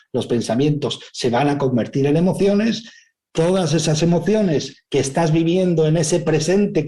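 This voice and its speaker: A man's voice: mid-range voice, mellow. A man giving a spiritual motivational talk, explaining ideas and checking in with rhetorical questions. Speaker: speaker, writer.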